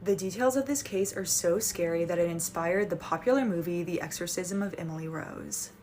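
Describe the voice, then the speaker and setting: A woman's voice: fairly low pitch, fairly quick, a little mellow, a little hiss or hum. A woman reading a scripted true-story narration, with a conversational touch.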